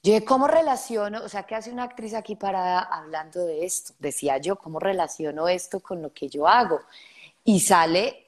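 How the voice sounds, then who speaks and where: A young adult woman with a Colombian accent, a guest actress telling stories in an interview and acting out other people's voices as she goes. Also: lowish voice. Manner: animated storyteller who acts out others' voices. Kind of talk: storytelling interview.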